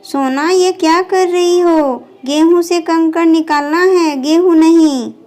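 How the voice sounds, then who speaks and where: A woman's voice: extremely high pitch, takes it slowly, a little mellow, voice pushed up. A woman voicing a busy young mother in a doll storybook who chides firmly but cares. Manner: firm, chiding but caring.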